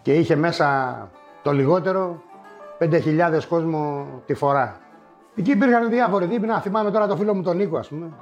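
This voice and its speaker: A middle-aged man reminisces in a wry, unhurried way, sprinkling his tale with asides. His voice sits a little higher than most men's. Faint music hums behind him. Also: highs cut off. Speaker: storyteller. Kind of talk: spoken reminiscence.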